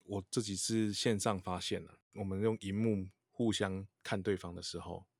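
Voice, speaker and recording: Male co-host, lower register, Taiwanese Mandarin accent, casual banter, close dry sound. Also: fairly even intonation, moderate pace, no echo. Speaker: podcast co-host.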